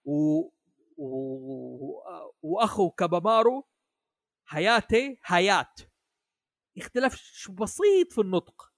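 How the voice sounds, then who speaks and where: Man, casual podcast guest, slightly high voice, very dry close sound, halting delivery. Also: sing-song, creaky, dry recording. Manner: hesitant, many restarts, asks "حلو؟" often. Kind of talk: casual chat about an anime.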